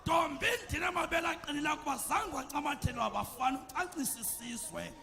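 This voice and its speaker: A man performing praise poetry at a ceremony, declaiming in a shouted, chanting delivery. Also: very high voice, fairly quick, gravelly, some chatter behind. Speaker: praise poet. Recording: long hall reverb, faint music.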